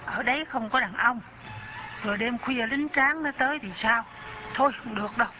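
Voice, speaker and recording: A man's voice: extremely high pitch, moderate pace, dull audio, background noise, voice pushed up. A male narrator voicing a worried older mother-in-law who raises firm objections.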